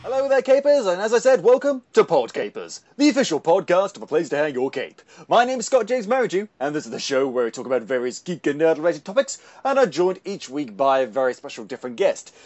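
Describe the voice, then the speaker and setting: A man's voice: fairly high pitch, sing-song, a little mellow, highs cut off. A man hosting a podcast, theatrical and jokey in casual chat. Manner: theatrical, rapid-fire jokey. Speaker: podcast host.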